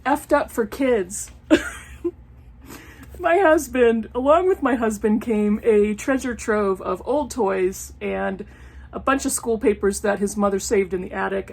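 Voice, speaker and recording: A middle-aged woman chatting casually about books, animated and sarcastic, breaking into laughter. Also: medium pitch, measured pace, creaky. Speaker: book vlogger. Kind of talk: casual book review chat.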